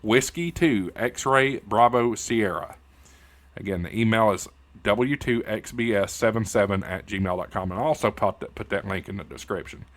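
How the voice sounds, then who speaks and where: On a casual tutorial livestream, a man with an Appalachian hillbilly accent chats folksily and informally, calling his viewers "y'all" and "guys." A YouTube host and amateur radio news anchor, he speaks at normal speed in a voice on the low side.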